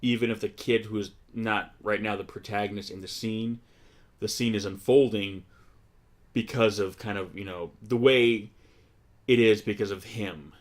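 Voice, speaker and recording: A man's voice: fairly low pitch, steady tone, moderate pace. A man co-hosting a casual movie commentary, rambling and joking as he explains his points. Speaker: podcast co-host.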